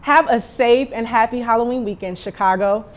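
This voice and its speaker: A woman's voice: fairly high pitch, normal speed. A young woman working as a sports reporter, narrating a scripted countdown segment in a light, list-style read. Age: young adult. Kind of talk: scripted news package narration.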